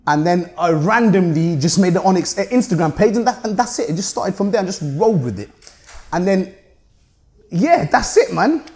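A man's voice: high voice, lively intonation, normal speed, darkish tone. A man in his thirties from Luton with a British urban roadman accent, talking casually in slangy, street-tough style as a podcast interview guest. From Luton, England. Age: 30s. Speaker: interview guest, car rental business owner. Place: indoor meeting room at a table.

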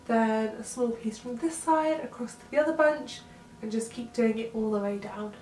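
In her bedroom, a congested beauty vlogger with a cold walks through a casual hairstyle tutorial, her voice fairly high and stuffy. She's chatty and upbeat but often trails off mid-styling. The sound is roomy and a bit distant, with slight hiss or hum.

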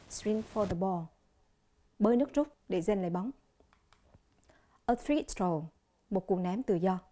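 Mellow-voiced Vietnamese woman teaching English. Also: mid-range voice. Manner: slow, clear, repeats each word. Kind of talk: televised classroom lesson.

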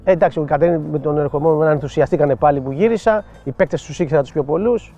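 An older man and football coach telling animated anecdotes in an interview, acting out the dialogue he quotes. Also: on the high side. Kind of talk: storytelling interview. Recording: dull lo-fi sound with faint music.

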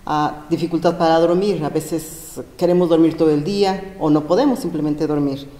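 Casting: hesitant woman from Mexico explaining a health topic, dark mellow tone, hall reverb. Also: low-pitched, fairly even intonation, moderate pace. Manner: hesitant, many fillers and restarts. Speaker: panel guest. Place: large school gym. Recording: roomy echo, long gym reverb.

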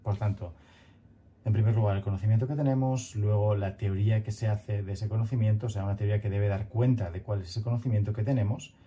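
A grammar teacher in his thirties records a lecture over slides from a small room at home using a headset. His lowish, dark voice holds a steady tone, he speaks thoughtfully and haltingly with many fillers and restarts, and the audio sounds dull.

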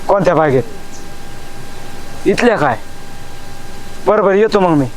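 A man's voice: high-pitched, animated, unhurried, a little hiss or hum, poor audio. Young man, pleading. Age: young adult. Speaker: college boy in a comedy sketch. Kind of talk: acted comedy sketch dialogue.

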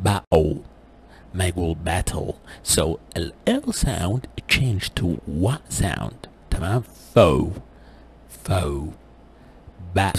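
A language teacher gives a casual lesson, explaining pronunciation through spoken examples and mixing in English words. His slightly husky voice sits low and is a little mellow.

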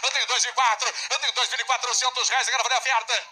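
A Brazilian man working as a livestock auctioneer, calling bids in a loud, insistent, repetitive chant. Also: extremely high pitch, level tone, very fast.

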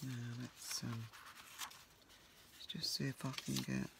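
Hosting his crafting channel, a man talks casually to himself at his home craft table in a croaky, medium-pitched voice. His delivery is unhurried and sing-song, and the background is noisy.

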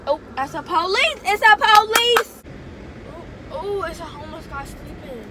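A young woman chats from the seat of a car, holding her phone out at arm's length. Her voice sits high, and her talk is loose, slangy and full of swearing, ready to flare up loudly. Road and engine noise run clearly underneath her. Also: animated, a loud crowd. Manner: casual, slangy and profane, quick to get loudly worked up. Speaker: vlogger. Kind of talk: casual vlog chat. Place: inside a car. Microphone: phone held at arm's length. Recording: phone recording with loud car and street noise.

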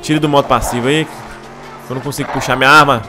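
A man's voice: medium pitch, fast. A man with a Brazilian accent doing playful gameplay commentary, mixing jokes with swaggering mock-thug role-play. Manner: excitable, jokey, swaggering mock-thug banter. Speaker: gaming YouTuber. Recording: loud game music under the voice. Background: game music and gunfire.

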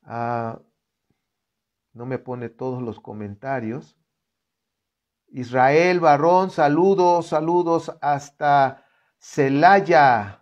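Man, live-streamed Bible reflection, earnest, conversational, slightly high voice. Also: very slow, pauses often, muffled recording. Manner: earnest, conversational, reads scripture aloud. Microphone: computer setup.

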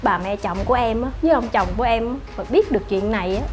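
A woman's voice: a little high, fast, darkish tone, lightly acted. A woman playing a scheming young unfaithful wife who talks in a sugary, whiny way, with music behind. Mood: smug. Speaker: daughter-in-law. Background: background music.

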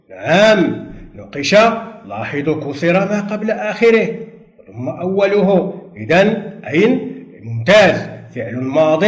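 A man teaching a primary school Arabic grammar lesson for television, speaking patiently and drawing out words, with pauses for pupils to answer. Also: high voice, reverberant. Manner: patient, slow, drawn-out drilling with pauses for answers. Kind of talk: televised distance-learning lesson.

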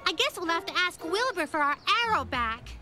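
Spunky little girl, very high voice, lively swings, childlike, matter-of-fact, cartoon heroine. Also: brisk, over music. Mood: apologetic, puzzled. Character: spunky, quick-witted little schoolgirl heroine. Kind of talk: animated children's cartoon acting.

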